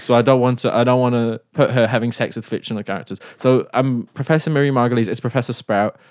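A man's voice: mid-range voice, steady tone, quick pace, a little mellow, no room sound. A man co-hosting a podcast, rambling playfully and giggling in casual chat. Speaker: podcast co-host. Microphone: headphones and studio mic.

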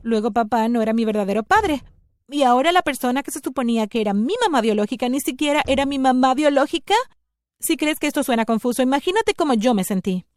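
A woman narrates a scripted first-person story with an expressive delivery. Her pitch is a little high and swings widely. The recording is dry and close, with no room sound. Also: fast talker, dry recording.

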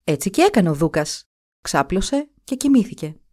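A woman narrating a fairy tale in an expressive, animated way. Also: medium pitch. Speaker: storyteller.

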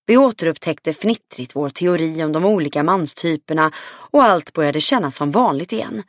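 A woman narrating a first-person audiobook in a calm, even storytelling read. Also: low voice, no echo, studio quality.

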